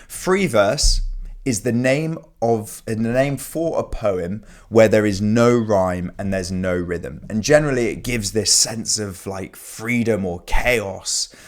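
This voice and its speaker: A man's voice: on the low side, slow. Chatty man explaining exam poetry. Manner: informal, chatty explaining with fillers. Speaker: teacher. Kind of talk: exam revision lesson.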